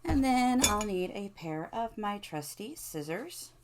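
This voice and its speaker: A woman's voice: mid-range voice, expressive, measured pace, heavy background noise. A middle-aged woman hosting a casual crafting tutorial, chatting to her viewers and asking them questions as she works. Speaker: craft video host.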